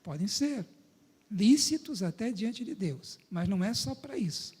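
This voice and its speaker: A male pastor from Brazil preaching in a church, talking with his congregation and tossing in frequent tag questions. His voice sits high but sounds warm and mellow, with a soft husky edge. A long hall reverb trails after his words. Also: lively intonation, measured pace. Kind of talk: sermon. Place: church sanctuary.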